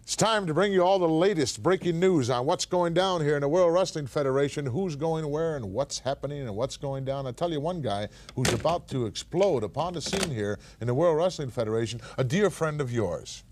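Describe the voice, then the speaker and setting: A man's voice: fairly high pitch, expressive, fairly quick, few pauses, background noise. A man hosting a wrestling studio show, enthusiastically hyping the latest news. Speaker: studio host.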